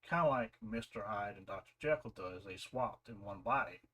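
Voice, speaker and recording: A man with a fairly low voice talks through a TV episode in a relaxed review. He retells the plot loosely, stumbling over restarts and fillers as he goes. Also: normal speed. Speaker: show reviewer. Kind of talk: casual spoken review.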